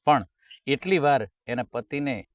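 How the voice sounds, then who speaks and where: A man's voice: mid-range voice, expressive. A man, a folk stand-up comedian who tells jokes and acts out his characters' lines. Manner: storytelling, acting out characters' lines; sings short folk song lines slowly.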